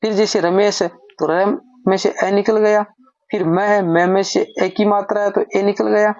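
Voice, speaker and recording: With a high, darkish voice that barely moves in pitch, this man teaches grammar at a moderate pace, explaining while he writes. He asks questions patiently and answers them on his own, in a dull lo-fi recording with no room sound.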